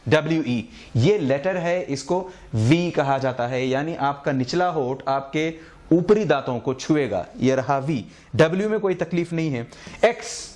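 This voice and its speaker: A man's voice: on the high side, darkish tone. A man explaining English letter pronunciation in a lesson, patiently repeating each sound as a model. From India. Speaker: English teacher.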